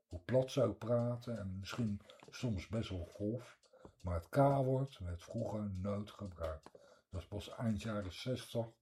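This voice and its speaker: An older male radio host rambling through a casual chat, opinionated and down-to-earth. His voice sits very low and sounds mellow, with a faint hiss of noise in the background. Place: radio studio.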